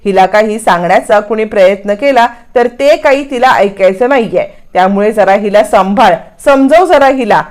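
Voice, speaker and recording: A woman's voice: medium pitch, moderate pace, few pauses, a little mellow, close to an everyday voice. A woman voicing a young sister-in-law who coaxes and nags. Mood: nagging. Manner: coaxing, nagging.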